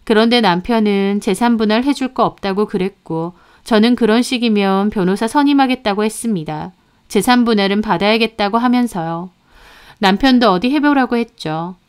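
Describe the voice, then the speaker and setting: Clear-voiced woman narrating a story. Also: medium pitch, normal speed. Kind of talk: first-person story narration.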